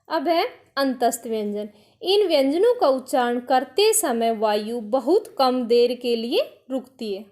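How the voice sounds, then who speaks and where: A woman's voice: sits high, a little mellow. A woman teacher giving a grammar lesson, explaining step by step, restating each definition and answering her own questions. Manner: asks a question, then answers it herself. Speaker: school teacher.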